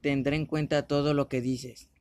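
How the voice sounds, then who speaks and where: A man voicing an eager, polite little girl in a read-aloud fairy tale, with a slightly raised pitch. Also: little pitch movement, moderate pace, darkish tone, dry recording, natural voice. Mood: cheerful.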